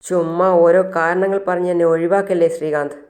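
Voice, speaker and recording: A woman's voice: lowish voice, steady tone, brisk, darkish tone, lightly acted. A storyteller voicing a hurt, angry young woman who confronts a friend with pleading, reproachful questions.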